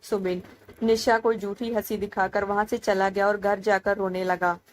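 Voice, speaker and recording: A woman's voice: mid-range voice, little pitch movement, normal speed. A woman narrating a moral story in a casual, unpolished way, reading the dialogue in her own voice with small slips and restarts.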